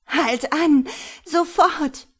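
A woman reading a storybook voices a frightened young woman who pleads and shrieks at a reckless driver. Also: extremely slow. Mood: panicked. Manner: shrill, pleading, near screaming. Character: panicked young woman passenger, fearful.

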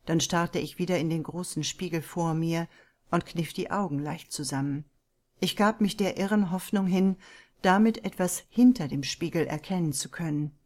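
A woman narrating a tense first-person story in a slow, deliberate, brooding manner. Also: fairly low pitch, a little mellow. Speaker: audiobook narrator.

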